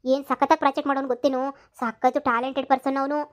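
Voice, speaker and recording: A woman's voice: high voice, level tone, racing, close to an everyday voice. A woman voicing a chatty young woman in a cartoon comedy, gossiping eagerly. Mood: gossipy.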